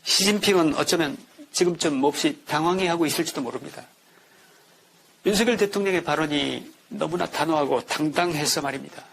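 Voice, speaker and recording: Male commentator, slightly high voice, indignant, rhetorical, reads from a script. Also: a little fast, creaky, fairly bright tone, husky. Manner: indignant, full of rhetorical questions. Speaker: political commentator.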